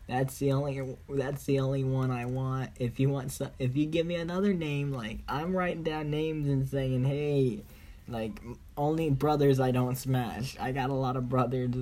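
A man's voice: mid-range voice, a little mellow. Profane rambling man vlogging. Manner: profane, boastful, broken grammar, rambling. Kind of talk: rambling casual monologue to camera.

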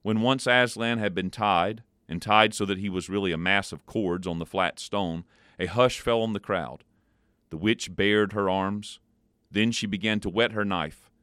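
A man hosting a devotional program, reading a story aloud in a measured, expressive way and then adding a short spiritual reflection. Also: fairly low pitch, smooth, no echo, clean studio sound. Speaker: devotional podcast host.

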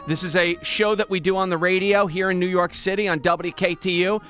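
A male radio host running a call-in segment, brisk and wry, taking charge of the callers. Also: high-pitched, fairly even intonation, a bit bright, soft background music.

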